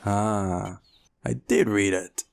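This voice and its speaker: Slow and lowish, with some vocal fry, the man's voice carries a visual novel playthrough. He reads the narration and slips in wry, laid-back asides over faint background music.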